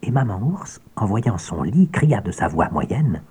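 Low husky man reading a kids' story. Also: unhurried. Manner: expressive storytelling, soft asides. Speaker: narrator. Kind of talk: children's audiobook narration.

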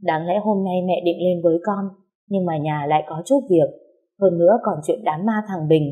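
A woman's voice: on the low side, moderate pace, phone-quality sound, lightly acted. A woman voicing a worried middle-aged mother who scolds and fusses over her child on the phone. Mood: fussing.

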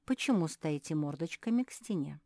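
A woman voicing a calm, practical older female pug sister who gives orders. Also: deep voice, brisk, no room sound. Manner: calm, bossy.

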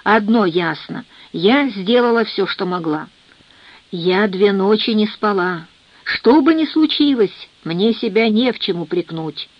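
A woman voicing a sharp-tongued, indignant grown daughter who speaks fiercely, in a dull, dry recording. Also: mid-range voice, lively intonation, unhurried, no room sound. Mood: weary.

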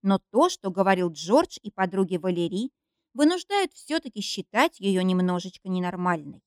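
Audiobook reader: woman, first-person, wry and expressive, lively pitch, dry close mic. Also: moderate pace, dry recording. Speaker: audiobook narrator.

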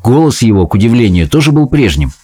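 A man reading a children's story aloud in the first person, with an expressive, animated delivery. His voice sits at an ordinary middle pitch but moves a lot. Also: fast talker, slightly rough. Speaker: audiobook reader.

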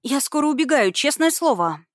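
Woman doing a naive young girl student, flustered, earnest, hurried, high voice, dry close audiobook sound. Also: very animated, no echo. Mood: frightened. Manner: earnest, hasty, a bit frightened. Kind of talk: audiobook character voice.

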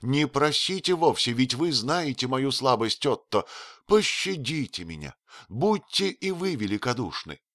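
A man's voice: medium pitch, big pitch swings, unhurried, fairly bright tone, dry recording, studio quality, pitched above the performer's own voice. A man voicing a flirtatious, proud countess who turns dramatic and indignant. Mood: pleading. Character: flirtatious proud countess, middle-aged woman.

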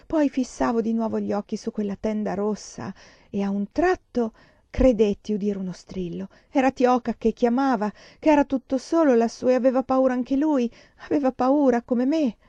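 A woman gives an expressive audiobook reading of a first-person novel, dramatic in manner, her pitch climbing during tense passages. Her tone is mellow and dark, sounding close and dry with no echo, though the recording is a little dull.

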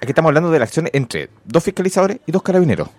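A male radio host cuts in briskly to add context for his listeners. His voice is dry and close, with no room echo, and he speaks at a quick pace. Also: fairly high pitch, big pitch swings, darkish tone. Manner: brief backchannels and quick clarifying interjections. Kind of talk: radio interview.

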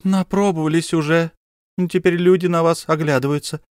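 A man's voice: on the high side, fairly even intonation, normal speed, darkish tone, smooth, no room sound, studio quality, voice pushed up, close to an everyday voice. A man voicing a stern, bossy noblewoman who scolds her husband in an audiobook. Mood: scolding. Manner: commanding, scolding. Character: stern, bossy noble wife, middle-aged.

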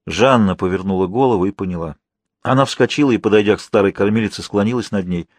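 A man reading a historical novel aloud in measured, even scripted narration. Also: on the low side, dry recording, clean studio sound. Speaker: audiobook narrator.

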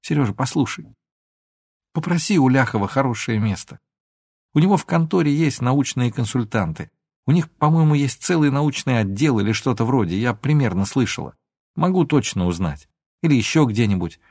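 A man reading an audiobook, voicing an emotional young woman who pleads and sometimes flares up into shouting. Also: mid-range voice, lively intonation, moderate pace, no room sound, clean studio sound. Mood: persuading. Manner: pleading, then flaring into shouts.

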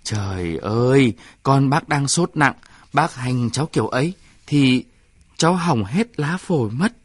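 A man's voice: medium pitch, lively intonation, a little slow, a little mellow, breathy edge, no echo. A man voicing a caring male border-guard captain who speaks with urgent concern. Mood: alarmed.

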